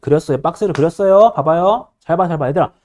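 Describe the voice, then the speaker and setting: A male high school math teacher lecturing a class, bossy and teasing, always checking whether students follow. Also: quick pace, darkish tone.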